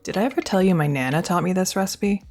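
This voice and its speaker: A young woman with a lowish, darkish voice speaks fast and close to the mic over soft background music. She's performing a scripted girlfriend roleplay, affectionate, teasing and reassuring.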